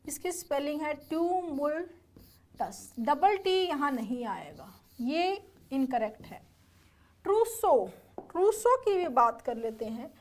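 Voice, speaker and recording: Woman, high-pitched, teacher, exam-prep lesson, frequent check-ins with students. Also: very animated, slow. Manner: explains step by step, often checking with students; spells words out letter by letter. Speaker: English teacher for exam preparation.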